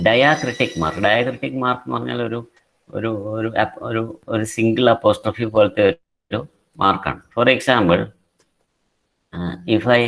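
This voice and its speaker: A man with a Malayali English accent giving an online lecture, explaining slowly with many fillers and switching into Malayalam. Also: fairly low pitch, fairly bright tone. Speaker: English teacher.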